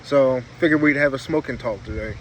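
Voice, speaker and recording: Chatting to the camera, a man vlogs in a relaxed, rambling storytelling way, his speech a little muffled by a lip full of chewing tobacco. He has a medium-pitched voice and a brisk delivery. Vehicle ambience comes through as clear background noise.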